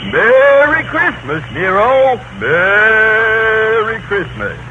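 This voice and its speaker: An actor playing a grumpy, folksy old Santa Claus in 1930s radio comedy, with rustic, ungrammatical speech. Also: male voice, high voice, very animated, very slow, muffled recording, exaggerated voice. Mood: jolly. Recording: noisy 1930s radio broadcast recording.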